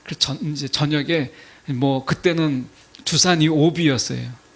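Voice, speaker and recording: A man's voice: a little high, steady tone, a little slow. A man in his fifties preaching a sermon to a congregation. He keeps putting rhetorical questions to his listeners. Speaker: pastor. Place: church sanctuary.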